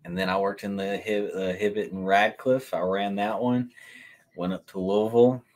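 Speaking at a normal speed in a lowish voice, this man from Kentucky hosts a sneaker livestream and casually fields viewer comments. He sits indoors among shelves of sneakers, relaxed and chatty as he responds to chat questions in the moment.

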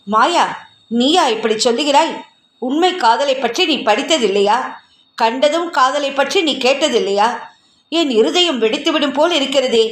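Woman doing a pompous man, flowery theatrical flattery, slightly high voice. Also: measured pace, roomy sound. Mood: gushing.

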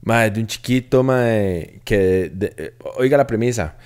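A young man with a Costa Rican accent, co-hosting a casual podcast chat, relaxed, slangy and quick to laugh. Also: fairly low pitch, smooth. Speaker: podcast co-host.

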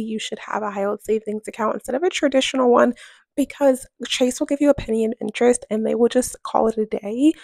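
This home vlogger, a young woman, gives a casual voice-over as she cleans, speaking candidly and emphatically about her home and money and often asking rhetorical questions. Her voice is fairly high, gravelly, and a little mellow. No echo is heard.

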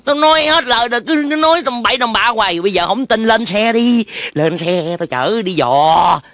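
A man's voice: high voice, lively intonation, normal speed, pushed and bright, no room sound, heavily acted. A man playing a scheming young swindler in a comedy sketch, with a brash, bickering way of talking. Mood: bossy. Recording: music playing behind.

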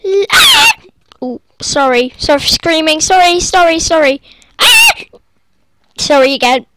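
A woman casually narrating her gameplay from bed, rambling, breaking into squeals and quick apologies. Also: sits high, heavy background noise. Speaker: gaming vlogger. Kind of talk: casual game commentary. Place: sitting up in bed at home. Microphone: laptop recording.

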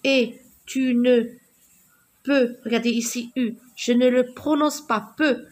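A woman teaching young children to read, slowly repeating words and sounding out letters. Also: on the high side, steady tone, a little mellow. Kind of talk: reading lesson for young children.

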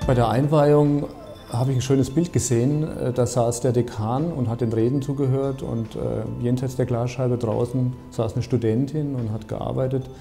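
A man in his fifties, an architect, explaining his building in a measured, thoughtful interview with frequent hesitations. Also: mid-range voice, fairly even intonation, gravelly, mellow, soft background music. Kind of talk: documentary interview. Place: bright office, seated at a desk.

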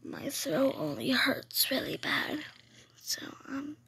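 A woman voicing a sick, tired girl who has lost her voice, in a hoarse whispered role-play. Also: high voice, very animated, slow pace, bright, forceful tone, full character voice. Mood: weak, sick.

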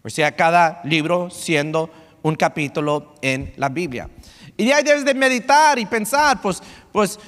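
A male pastor preaches with emphatic repetition, switching into English now and then. His voice is high for a man. The long reverb of a church sanctuary trails behind every phrase. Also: lively intonation, measured pace, a bit bright. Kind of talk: sermon.

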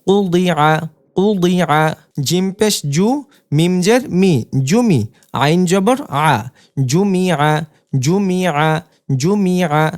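A teacher giving a recorded reading lesson, spelling out letters and vowel marks syllable by syllable, then repeating each joined sound slowly and patiently before giving homework. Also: mid-range voice, a little mellow. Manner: slow, patient drilling with many repetitions.

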